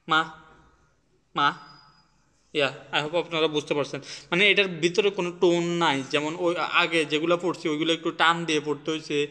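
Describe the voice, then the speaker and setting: A man's voice: a little high, pushed and bright, in a large hall. A man teaching in a casual video lesson, demonstrating sounds and mixing in English words. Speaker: language teacher.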